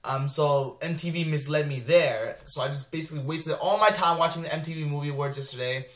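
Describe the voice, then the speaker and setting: A man's voice: fairly high pitch, brisk, a bit bright. Rambling young guy in an echoey room. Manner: rambling, lots of ums and restarts. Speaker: movie vlogger. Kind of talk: casual trailer review.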